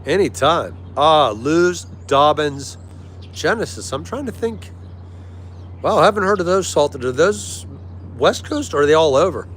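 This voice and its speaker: Chatting in a friendly, easygoing way with people watching live, this American livestream host from the United States speaks in a slightly high, expressive, somewhat bright voice. He takes his time with an unhurried delivery. Background noise resembling a vehicle can be heard on an otherwise clear recording.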